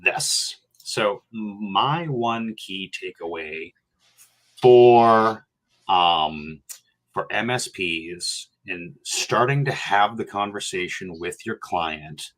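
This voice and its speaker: A man's voice: on the low side, animated, very slow, fairly bright tone. A man hosting a live webcast, chatty and rambling with many fillers. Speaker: show host. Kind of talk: casual live webcast chat.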